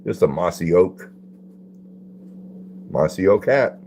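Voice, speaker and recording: A man's voice: low voice, animated, takes it slowly, darkish tone, a little hiss or hum. An older man hosting a live stream, chatting in a folksy way and greeting viewers by name as he reads their comments. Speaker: livestream host. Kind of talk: casual live-stream chat reading comments.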